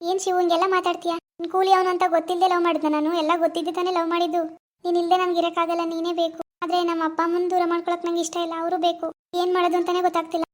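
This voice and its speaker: A woman's voice: extremely high pitch, monotone, racing. [name], a woman playing an anxious girl. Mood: worried. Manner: pleading, worried. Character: young village woman, timid and anxious lover.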